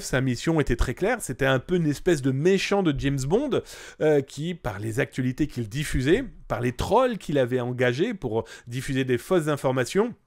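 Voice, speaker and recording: A man with a fairly high voice hosts a casual live news stream. He is chatty and jokey, greets viewers by name and reads their comments aloud. He swings between lively bursts and quiet asides.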